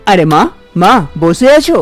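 A woman's voice: medium pitch, big pitch swings, unhurried, faint music behind. A woman voicing an anxious young man in a cartoon, pleading and worried.

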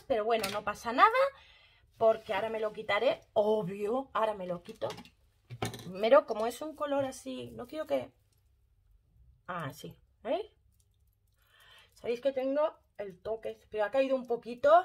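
Woman, somewhat high voice, makeup vlogger, chatty, talks to viewers, diminutives. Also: fairly bright tone. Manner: chatty, addresses viewers directly, fond of diminutives. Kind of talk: casual makeup tutorial chat.

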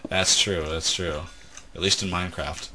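A man's voice: low voice, fairly even intonation, normal speed, bright, forceful tone. A man hosting a let's play, chatting casually and telling jokes while gaming. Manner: joking, teasing storyteller. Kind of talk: casual gameplay chat.

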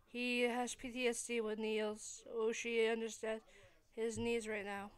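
Woman voicing a friendly pushy matchmaker, halting, slow, crisp clear voice. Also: fairly high pitch, level tone, natural voice. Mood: urging. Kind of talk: amateur fan-fiction reading.

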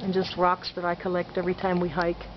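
A woman's voice: fairly low pitch, completely flat delivery, fast talker. Woman chatting thru a garden tour, casual and self-deprecating, dull lo-fi camcorder sound, outdoor noise in back. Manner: chatty, self-deprecating, narrating as she walks. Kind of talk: casual walking video tour. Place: sunny backyard garden outdoors. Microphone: handheld camera mic.

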